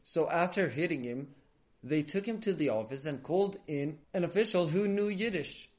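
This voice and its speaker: Animated male children's storyteller. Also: on the high side, normal speed. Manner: animated, expressive. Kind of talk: dramatic story narration.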